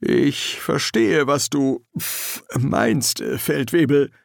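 A man's voice: medium pitch, drawn-out words, vocal fry, no echo, studio quality, pitched above the performer's own voice. A man voicing a polite, fussy young army lieutenant who talks in a formal, courteous, chatty way, in a German audiobook. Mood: prim.

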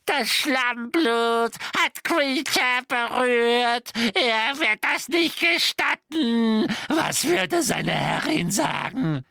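A woman voicing a guilt-ridden, servile old male house-elf who speaks slowly and in anguish, referring to himself in the third person. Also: on the high side, animated, vocal fry, bright, forceful tone, no room sound, exaggerated voice. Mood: disgusted. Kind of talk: audiobook character voicing.

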